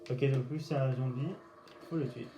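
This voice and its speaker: A man's voice: medium pitch, fairly even intonation, normal speed, music in the background. A man casually commenting on his gameplay, hesitant and full of fillers. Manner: hesitant, filler-heavy narration. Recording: roomy, noisy game capture.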